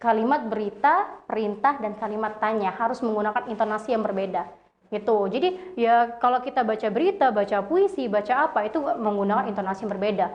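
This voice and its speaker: A woman with a slightly high voice reads a lesson aloud, stumbling over words and correcting herself as she goes. The recording is dull and lo-fi. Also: a little fast. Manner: reads with slips and self-corrections.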